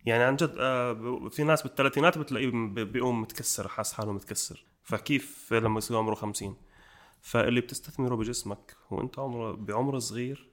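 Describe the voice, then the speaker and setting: Fast-talking Jordanian man hosting a podcast. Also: medium pitch, fairly even intonation. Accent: Jordanian Arabic. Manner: quick, emphatic, gets loud when making a point. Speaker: podcast host. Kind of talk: casual chat.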